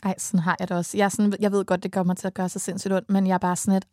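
A woman's voice: medium pitch, little pitch movement, a little mellow, no room sound, studio quality. A Danish woman hosting a podcast, chatting supportively and mixing in English phrases. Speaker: podcast host. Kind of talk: casual chat. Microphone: studio mic.

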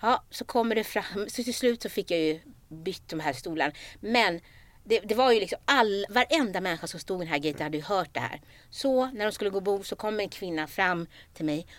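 A woman's voice: medium pitch, animated, no echo. A woman telling a story in a casual podcast chat, acting out quoted voices and laughing often.

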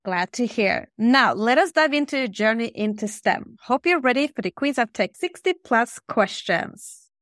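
A woman's voice: fairly high pitch, expressive, normal speed, few pauses, fairly bright tone, no room sound, clean studio sound. A woman hosting a podcast, formally reading out prepared questions. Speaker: podcast host.

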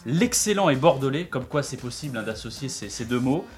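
A man's voice: medium pitch, animated, fairly quick. A man hosting a casual sports podcast, introducing guests with teasing jokes and lots of fillers. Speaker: podcast host.

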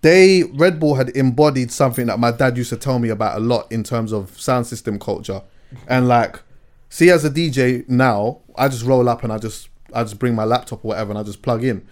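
A man's voice: medium pitch, a little fast. A man with a London English accent hosting a podcast in casual, slangy chat, often tagging his phrases with "yeah". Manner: conversational, often punctuates with "yeah" and "you know". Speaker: podcast host.

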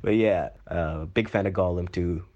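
A man's voice: low voice, moderate pace, darkish tone, lo-fi sound, natural voice. A man playing an upbeat, chatty male caller who gushes with fillers. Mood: enthusiastic. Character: chirpy enthusiastic male caller.

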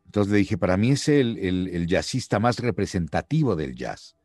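A middle-aged man, a voice actor, telling a lively anecdote in an interview and acting out the voices he quotes. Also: sits low, normal speed, no room sound. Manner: lively storyteller who acts out quoted voices.

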